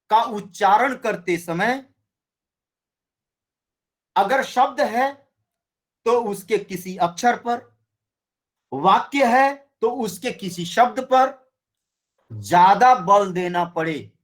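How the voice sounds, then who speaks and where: A man teaching a Hindi grammar lesson, explaining slowly and often checking with his students. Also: high voice. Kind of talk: classroom lecture.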